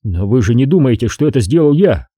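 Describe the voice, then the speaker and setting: A man's voice: medium pitch, sing-song, fast talker, dark tone, slightly rough, no echo, clean studio sound. A man voicing a nervous, defensive suspect. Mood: anxious. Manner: anxious, defensive. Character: nervous, defensive male researcher under questioning.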